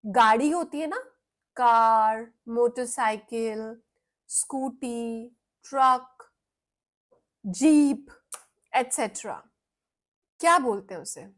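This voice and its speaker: Indian woman, young, higher voice, unhurried, patient online English teacher for kids. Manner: slow, patient explaining, mixing Hindi and English. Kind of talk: live online class for children.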